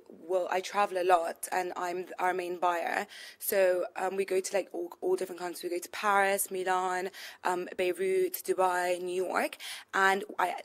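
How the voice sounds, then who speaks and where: A young woman talks through her online shop in a relaxed interview. She rambles a little, leaning on "um" and "like" as she goes. Her pitch sits in the middle for a woman. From London. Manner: chatty, full of "um" and "like" fillers. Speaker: e-boutique co-founder and buyer. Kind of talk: casual interview answers.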